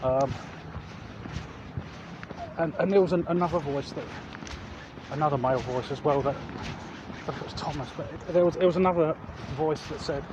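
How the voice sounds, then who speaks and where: Walking along urban streets outdoors, a male vlog host from England chats casually and ramblingly to his viewers, hesitating, repeating words and correcting himself mid-sentence. His voice is fairly high, at a moderate pace with long pauses, and traffic noise fills the recording.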